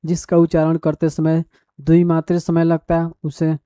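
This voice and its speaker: A male teacher giving a school grammar lesson, dictating definitions slowly word by word as he writes them down and asking the class questions along the way. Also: on the high side, completely flat delivery, warm tone, smooth, no echo, clean studio sound. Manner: repeats definitions and quizzes the class.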